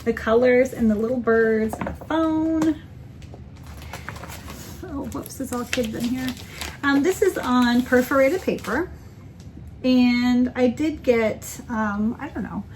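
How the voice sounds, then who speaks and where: A woman's voice: a little high, measured pace, darkish tone, a little hiss or hum. A woman in casual chat as a crafting vlogger, rambling and correcting herself with many ums. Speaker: cross-stitch vlogger.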